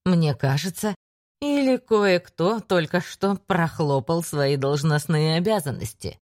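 A woman's voice: deep voice, moderate pace, mellow. A woman voicing a sarcastic, defiant young man in an audiobook. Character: bold, cheeky young man, defiant and sardonic.

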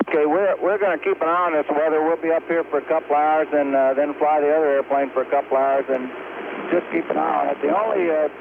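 A man's voice: fairly even intonation, fast talker, vocal fry. Pilot on a crackly walkie-talkie radio, male. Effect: radio transmission. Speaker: pilot flying a weather check. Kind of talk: over walkie talkie, air-to-ground radio report. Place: aircraft in flight. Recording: noisy narrow-band walkie-talkie radio link, vehicle rumble.

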